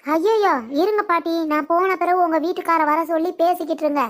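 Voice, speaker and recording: A woman's voice: very high voice, brisk. A woman voicing a cheeky teasing boy. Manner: teasing, sarcastic. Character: cheeky mischievous young grandson.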